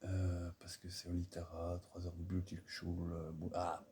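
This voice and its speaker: A man's voice: sits low, monotone, moderate pace, dark tone, slight background noise. A man chatting casually while building a Lego set, rambling and hesitant, full of fillers and self-mocking asides. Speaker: Lego builder and video host.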